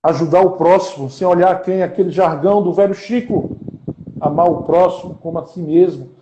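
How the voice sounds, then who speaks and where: A man's voice: high-pitched, normal speed, warm tone, echoey room, highs cut off, a little hiss or hum. A man, hosting a live-streamed interview and asking earnest rhetorical questions. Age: 40s. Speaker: interviewer and podcast host.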